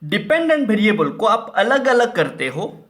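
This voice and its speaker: A man's voice: sits high, sing-song, measured pace, fairly bright tone. A man teaching math, repeating key terms and asking rhetorical questions, mixing Hindi and English. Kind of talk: classroom-style lecture.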